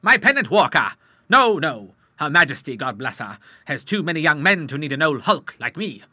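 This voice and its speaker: Reading an audiobook, a man voices a hearty admiral in his sixties who booms boisterously in nautical terms. His delivery is heavily acted, very animated and sharp at a normal pace, recorded in a clean studio with no echo.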